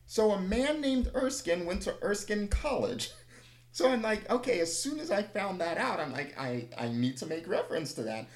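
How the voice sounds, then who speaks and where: A man's voice: sits high, moderate pace. Rambling storyteller man, echoey room. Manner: rambling, animated anecdotes with self-deprecating humor. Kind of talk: casual chat, storytelling.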